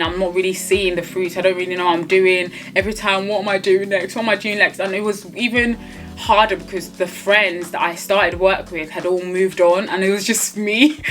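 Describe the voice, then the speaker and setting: A woman's voice: lowish voice, a bit bright. A young woman, chatting casually to camera in a vlog, laughing often and saying "like" a lot. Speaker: vlogger.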